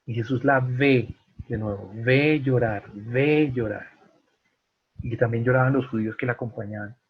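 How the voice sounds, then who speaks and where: A man leading an online Bible study, animated and asking the group questions, with a husky, breathy voice over a video call. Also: mid-range voice, normal speed, highs cut off.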